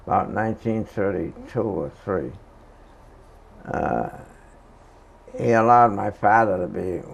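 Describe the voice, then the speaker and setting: Very old man, slow and creaky. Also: fairly low pitch. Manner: very old man's halting, hesitant delivery. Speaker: interviewee recalling the past. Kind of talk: oral history reminiscence.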